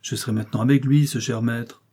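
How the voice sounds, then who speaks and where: A man's voice: mid-range voice, steady tone, brisk, a little mellow, breathy edge, close to an everyday voice. A man voicing a grieving, bitter older male farmer in an audiobook reading. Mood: sorrowful.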